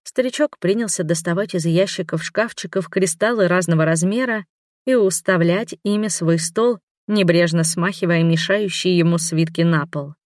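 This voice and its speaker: A woman's voice: on the low side, normal speed, a little mellow, dry recording, clean studio sound. A woman narrating a first-person audiobook in a wry storytelling manner.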